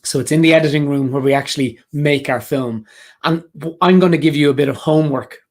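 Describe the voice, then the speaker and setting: A man's voice: on the high side, brisk. Earnest man giving motivational career advice. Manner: earnest, repetitive, speaks directly to the audience. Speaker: career coach presenter. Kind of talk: motivational live session talk.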